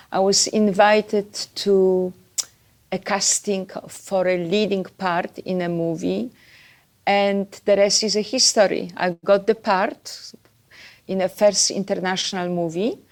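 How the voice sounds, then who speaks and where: A woman from Poland with a Polish accent, a podcast guest chatting about her life and career with pauses and fillers. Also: mid-range voice, steady tone. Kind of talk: podcast interview.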